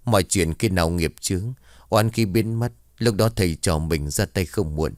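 A man doing a calm old shaman. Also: low-pitched, normal speed, no room sound, clean studio sound, lightly acted. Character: old male shaman master, calm and wise.

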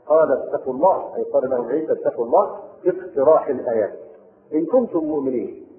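A man's voice: medium pitch, lively intonation, fast talker. A man with an Egyptian accent teaching a Quran commentary lesson, reading classical text and explaining it in colloquial asides, on a tinny old recording. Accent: Egyptian Arabic. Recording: tinny lo-fi lecture tape.

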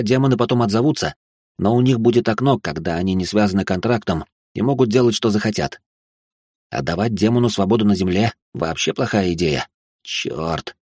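A man's voice: fairly low pitch, a little mellow, husky, no room sound, clean studio sound. A man narrating a fantasy story in the first person, with wry sarcastic asides.

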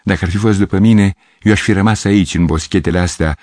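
A man's voice: sits low, a little mellow, no room sound, lightly acted. A man reading an audiobook, voicing a fussy, apologetic middle-aged piano teacher who dreams of pure art.

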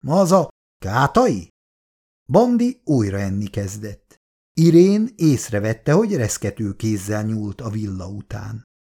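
A man narrating a family story in a calm, lowered reading voice. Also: vocal fry. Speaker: reader.

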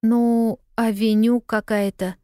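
Woman doing a high, tearful lost little girl. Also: level tone, slow pace, mellow, no room sound, clean studio sound. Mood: tearful pleading. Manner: pleading, breathless, eager. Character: lost young girl, tearful yet stubbornly cheerful.

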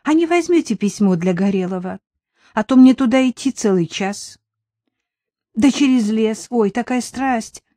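Woman doing an excitable middle-aged postwoman. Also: on the high side, a little slow, no echo, studio quality, pitched above the performer's own voice. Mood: eager. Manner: excitable, chattering.

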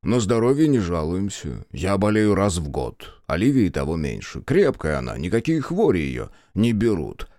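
A man's voice: sits low, wildly swooping pitch, moderate pace, few pauses, a little mellow, no echo, studio quality, exaggerated voice. Man reading a worried, folksy old father. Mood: confiding. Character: weary, worried older father, plain-spoken.

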